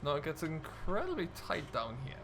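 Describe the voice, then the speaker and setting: This British video game streamer has a fairly high voice with wildly swooping pitch and speaks at normal speed. As host, he offers relaxed, explanatory commentary on farming simulator role play, pondering aloud, while game tractor and loader engines are clearly heard behind him.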